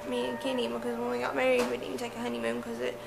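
High, creaky young woman with a swollen cheek. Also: monotone, fast. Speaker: family vlogger, mother. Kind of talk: casual vlog chat. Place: indoors at home by a window. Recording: loud background noise.

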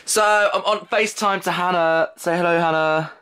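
A young British man vlogging casually to a handheld camera and chatting with companions, excitable and given to exclaiming. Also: high voice, normal speed, no room sound. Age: young adult. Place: on the move, mostly outdoors at a zoo. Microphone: handheld camera at arm's length. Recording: handheld camera vlog with clear background noise.

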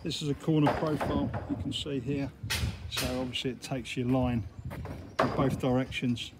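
A middle-aged man guides the listener around an outdoor building site, explaining things in a practical, matter-of-fact way and leaning on the word "obviously". His voice sits at an ordinary pitch and is caught on a phone, with loud site noise and passing vehicles all around him. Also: steady tone, moderate pace. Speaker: construction site manager. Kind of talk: guided site walk-through. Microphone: handheld phone camera.

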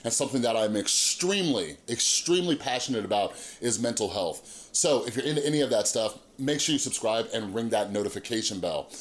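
A man's voice: mid-range voice, animated, a little fast, hardly any pauses. A man in his thirties hosting a YouTube channel, giving casual, earnest opinion commentary and often checking that listeners agree. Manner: earnest, emphatic, seeks agreement with frequent rhetorical tags. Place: small indoor room with monitors.

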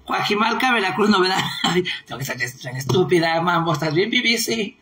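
A Mexican woman hosts a casual live stream and reads viewer comments aloud. She rambles playfully and giggles, salting her talk with crude local slang. Her voice is bright and a bit sharp, with a roomy echo around it. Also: lowish voice, animated, fairly quick. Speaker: online streamer.

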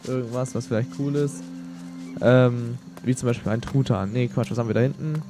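A man's voice: mid-range voice, fairly even intonation, a little fast. A young man giving casual gameplay commentary, thinking aloud in a slangy, rambling way. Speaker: let's player. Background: game music.

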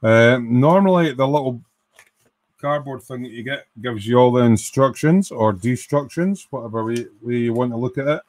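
A man with a mid-range, slightly dark voice talks at a normal speed. He's casually building an electronics kit live at his home workshop bench, thinking out loud and counting parts as he goes.

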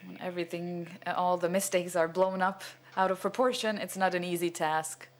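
An older Venezuelan cinematographer gives a masterclass from a cinema stage, speaking into a stand mic in a high-pitched, steady voice. His lecture is halting and hesitant, full of fillers and restarts, and he gestures broadly as he goes.

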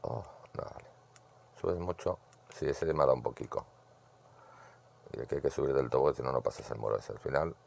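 Male streamer, very low gravelly voice, mutters to himself through retro arcade play. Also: animated, fairly quick, pauses often, a little mellow. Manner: muttering, talks to himself while playing. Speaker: gaming streamer. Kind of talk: casual gameplay commentary.

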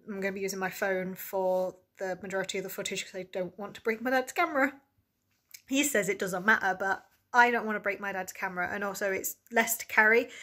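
A woman's voice: medium pitch, fairly bright tone. Rambling young woman vlogging from bed. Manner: rambling, chatty, lots of fillers and restarts. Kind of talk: casual vlog chat to camera. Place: small hotel room, indoors, sitting on a bed. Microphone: camera close in front of her.

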